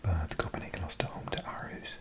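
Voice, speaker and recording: This Welsh man in his forties, from Wales, whispers softly in the style of an ASMR host. He slowly reads through a list of results, adding chatty asides along the way.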